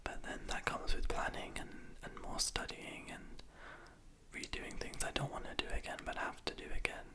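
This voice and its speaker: A young adult speaking in a soft, breathy, unvoiced whisper, rambling hesitantly and self-deprecatingly to the viewer in an ASMR style. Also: normal speed. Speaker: ASMR video creator. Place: small room in a house at night.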